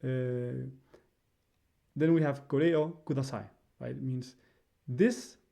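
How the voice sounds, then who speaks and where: Gravelly, mellow-voiced man teaching casually. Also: medium pitch, fairly even intonation, slow. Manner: hesitant, many fillers, frequent "right?". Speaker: language teacher. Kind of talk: casual spoken lesson.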